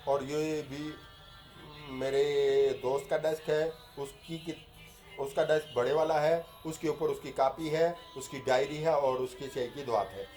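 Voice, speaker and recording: A man's voice: fairly high pitch, steady tone, darkish tone, soft background music. A man teaching an Arabic grammar lesson, reading each phrase aloud and then explaining and repeating it. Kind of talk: lesson explaining a text line by line.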